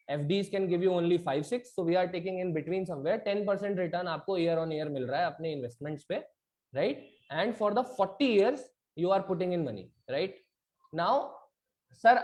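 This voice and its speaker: Here an Indian-accented man with a high, slightly mellow voice teaches an interactive online lecture that switches between two languages in a video session. He frequently uses tag questions to make sure listeners are following.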